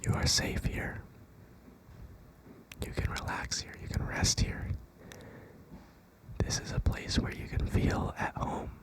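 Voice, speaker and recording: A young adult whispering a gentle, reassuring pep talk of ASMR affirmations in an unhurried way. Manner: whispering throughout. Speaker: ASMR creator.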